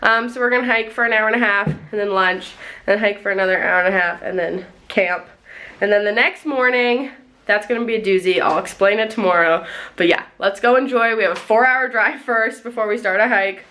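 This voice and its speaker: A woman's voice: mid-range voice, fairly quick, sharp tone. A woman vlogging casually to a handheld camera while trekking outdoors, chatty and narrating what she is doing. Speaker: travel vlogger. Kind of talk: casual travel vlog. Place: outdoors on a mountain trek.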